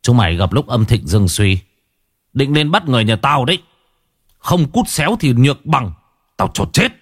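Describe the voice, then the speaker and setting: Man as a calm, cold young exorcist; low, commanding, dry close mic. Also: moderate pace, dry recording. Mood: cold threatening.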